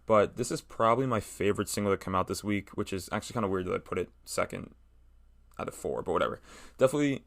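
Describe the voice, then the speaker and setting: A man's voice: deep voice, expressive, fast, vocal fry, dry recording. A man hosting a casual solo music review podcast from a room in a house, rambling with lots of fillers and self-corrections. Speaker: podcast host.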